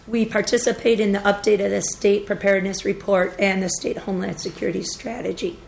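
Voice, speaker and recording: A woman with a cold and a hoarse voice, giving formal testimony to a committee as a deputy director of emergency management, in an earnest, steady briefing style with frequent fillers. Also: mid-range voice, a little fast, slight background noise. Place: government committee hearing room.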